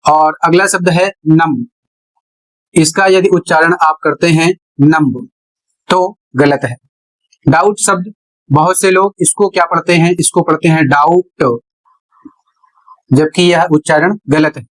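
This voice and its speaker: Male tutor, unhurried and methodical, repeats his points for a classroom lesson. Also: a little high, fairly even intonation, a bit bright, poor audio. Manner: slow, deliberate explaining with repetition. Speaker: English pronunciation teacher.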